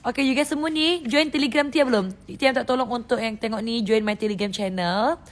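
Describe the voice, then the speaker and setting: A woman from Indonesia chatting on a live stream, lively and loose, who laughs often. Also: a little high, a little fast. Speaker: livestream host. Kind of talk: casual live-stream chat. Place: indoors, live stream from a phone.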